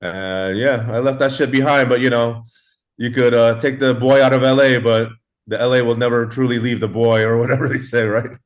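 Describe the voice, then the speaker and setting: A man in his forties who was raised in Los Angeles tells his story as a guest in a laid-back, casual way, full of fillers and swearing. His medium-pitched voice is brisk, with fairly even intonation.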